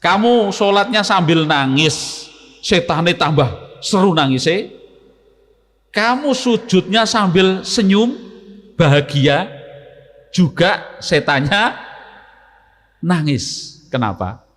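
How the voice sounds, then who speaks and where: A man's voice: high voice, slow pace, pauses often, in a large hall. A man with a Javanese accent preaching a sermon to students, quizzing the audience and reciting Arabic verses. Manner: lively, asks the audience questions, mixes Arabic verses. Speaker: Islamic preacher.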